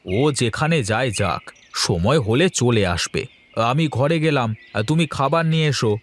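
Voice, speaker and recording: A man voicing an easygoing village farmer father in a cartoon, calm and indulgent toward his son. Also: mid-range voice, moderate pace, lightly acted. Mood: soothing. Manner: soothing, indulgent, good-humoured. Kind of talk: cartoon voice acting.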